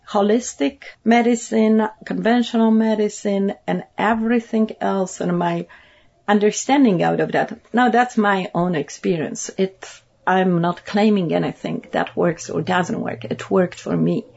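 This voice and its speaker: A woman's voice: mid-range voice, creaky, darkish tone, slightly rough. A middle-aged woman from Poland with a Polish accent, speaking earnestly as an interview guest and repeating points for emphasis. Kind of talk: interview conversation. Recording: dull lo-fi sound.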